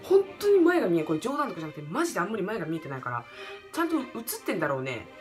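A young female vlogger with a Western Japan accent chats in a casual solo vlog, talking very fast in a low voice with lively intonation, rambling, excitable and jokey. She's in a hotel room at night, recorded by a camera in front of her under bright lights. Background music plays beneath her voice.

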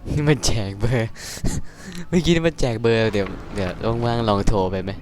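A young man giving casual, excitable game commentary, swearing crudely and yelping at scares. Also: medium pitch, fairly quick, a little hiss or hum. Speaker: gaming streamer.

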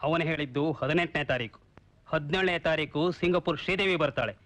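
An actor as a fast-talking, bright, shifty swindler boss in a film. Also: male voice, fairly high pitch, no echo, close to an everyday voice. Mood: scheming. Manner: blustering, quickly panicked. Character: cowardly crooked chit fund boss, male, blustering.

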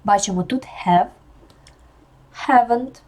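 A young woman with a mellow, warm voice explains English grammar to learners. She speaks calmly and reads her English examples slowly and clearly so the intonation can be heard. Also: fairly high pitch. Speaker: English teacher.

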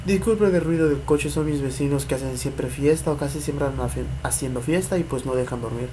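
A young man with a Mexican accent chats through a late-night paranormal vlog in a slightly high voice. He rambles, repeats himself and mimics knocking as he tells it. Faint background noise hums behind him. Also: fairly quick. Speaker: paranormal vlogger. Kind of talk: casual night-time storytelling vlog. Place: home at night, neighbours' party noise outside.

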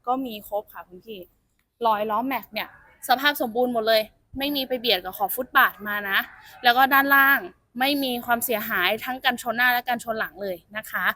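A woman's voice: a little high, brisk, pushed and bright, no echo. A young woman giving a chatty used-car sales walkaround, talking familiarly to viewers, apparently recorded outdoors at a car lot. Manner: chatty, addresses viewers as elder sibling.

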